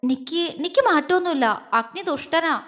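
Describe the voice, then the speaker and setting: A woman voicing a shy young bride who is playful and sulky by turns and talks in a soft, pouting way. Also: sits high, expressive, moderate pace, pitched above the performer's own voice. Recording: long reverb.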